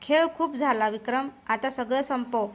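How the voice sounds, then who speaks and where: A woman's voice: high-pitched, moderate pace, close to an everyday voice. A woman reading the lines of a determined, angry young male hero in a storybook drama. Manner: firm, angry.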